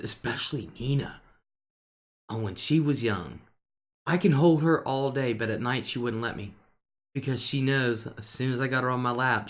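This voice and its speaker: On her live stream, an older woman with a deep alto voice casually chats and reads out comments from viewers, frequently laughing between her remarks.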